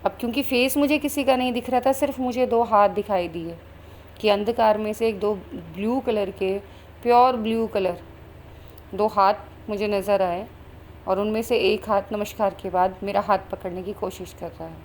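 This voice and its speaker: A woman who hosts a spiritual channel recounts a meditation vision as a personal account, flowing and earnest in a Hindi-English mix full of fillers. Her medium-pitched voice is steady and darkish at a normal speed, with slight background noise.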